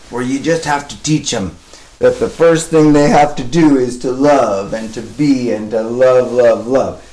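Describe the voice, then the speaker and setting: Man, live stream, dark soft voice, rambling, fillers, sniffly, roomy echo. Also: mid-range voice. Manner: coos and baby-talks to a puppy. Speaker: dog rescuer live-streaming. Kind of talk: casual live stream talk.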